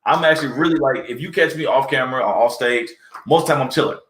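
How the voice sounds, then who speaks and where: A male comedic actor as an interview guest, talking in a relaxed, chatty way and acting out the people in his stories. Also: medium pitch, fast talker, a little hiss or hum. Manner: relaxed storyteller, acts out quoted people. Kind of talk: casual interview chat. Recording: roomy echo.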